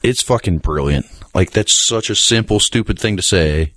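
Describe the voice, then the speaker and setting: A man's voice: low voice, expressive, moderate pace, fairly bright tone, husky, no echo. A man co-hosting a podcast in casual chat, easygoing, mostly giving short agreeing replies and swearing casually. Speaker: podcast co-host.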